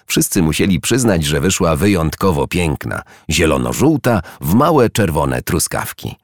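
A man narrating a children's story with expressive storytelling. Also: a bass voice, a little slow, no echo, studio quality.

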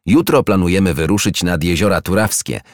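A man reading a storybook aloud and voicing a cheerful, chatty female wild duck who gushes with excitement, in a high, lively voice. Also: fairly quick, no room sound, clean studio sound. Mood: excited chatter. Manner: excited, gushing.

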